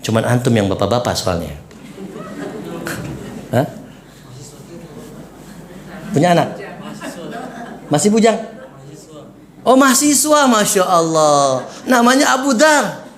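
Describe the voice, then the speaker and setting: A man giving a religious lesson to a group of women, with lively jumps in pitch for emphasis and frequent questions to the audience. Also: takes it slowly, pauses often. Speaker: preacher. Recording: echoey room, faint ambient noise.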